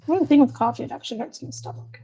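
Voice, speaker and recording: A woman chatting casually beside a streamer, rambling and teasing in a relaxed way. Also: sits high, fast. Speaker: family member on stream. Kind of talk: casual chat.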